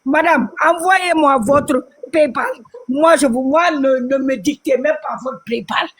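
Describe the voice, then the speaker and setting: A woman's voice: sits high, unhurried. A breathless woman calling into a live stream, pleading and ranting in a fired-up, repetitive way. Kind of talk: impassioned live-stream rant.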